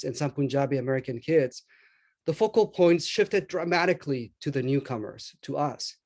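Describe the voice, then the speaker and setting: A man's voice: fairly high pitch, darkish tone. A man of about fifty who grew up in Mexico, giving a keynote speech as a reflective, earnest personal story. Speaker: keynote speaker.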